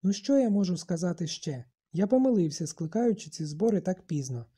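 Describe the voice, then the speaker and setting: Narrator doing earnest kid leader, insists a lot, mellow husky voice. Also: mid-range voice, animated, a little fast. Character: earnest boy leader of the group.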